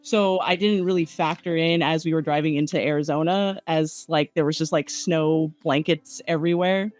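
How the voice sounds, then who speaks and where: A podcast guest and game designer from Hawaii, laid-back in casual chat, laughing often and talking in halting bits. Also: mid-range voice, steady tone, no echo, faint music behind.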